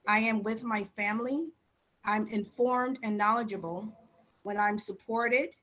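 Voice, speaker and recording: Slow, steady woman reading a poem. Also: fairly high pitch, low-quality recording. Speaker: orientation participant.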